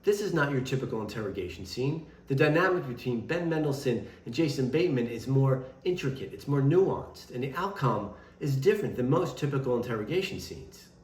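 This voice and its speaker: A man's voice: mid-range voice, expressive, a little fast, few pauses, darkish tone. A man hosting a scene review show, giving informal, emphatic, conversational commentary to viewers. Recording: roomy, echoing voice.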